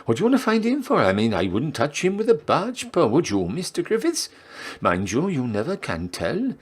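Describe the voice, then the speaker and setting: Casting: chatty Welsh barmaid for a story reading, acted by a man; high, swooping, lilting, forever asking questions. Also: huge pitch swings, fairly quick, slightly rough, heavily acted. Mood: inquisitive, gossipy. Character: chatty Welsh barmaid, nosy, gossipy woman.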